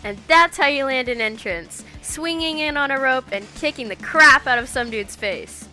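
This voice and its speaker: A woman's voice: high-pitched, moderate pace, natural voice. A woman playing a bold, determined young female rebel who speaks confidently and persuasively. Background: music.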